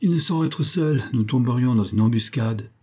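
A man's voice: medium pitch, normal speed, mellow, breathy edge, natural voice. A man voicing an expedition leader who speaks with authority and firmness. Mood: commanding. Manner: authoritative, firm.

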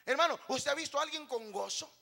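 High-pitched preaching pastor, echoey hall. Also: male voice, animated, fast, creaky. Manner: preaching with rising shouts and call-outs to the congregation. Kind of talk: sermon. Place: church hall.

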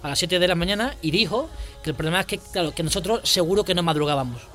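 Extremaduran male guest, quick, somewhat high voice, halting anecdotal chat. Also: lively intonation, fairly bright tone, faint music behind. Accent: Extremaduran Spanish. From Extremadura, Spain. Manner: hesitant, repeats words while telling anecdotes. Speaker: guest, chess and music teacher. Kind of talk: casual chat.

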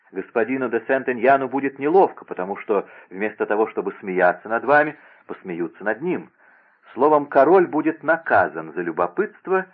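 A man reading aloud and voicing an imperious, scheming young princess who gives orders in a raised, insistent voice. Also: medium pitch. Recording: tinny phone-like radio broadcast.

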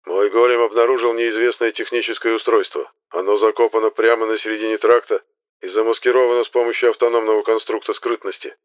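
A man's voice: fairly low pitch, flat delivery, fast, smooth, lo-fi sound. A man voicing a matter-of-fact tech ally who gives businesslike reports over a radio channel.

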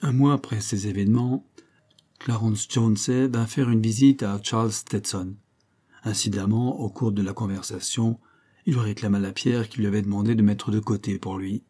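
A man narrating an adventure story as an audiobook in a steady, measured reading. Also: fairly low pitch.

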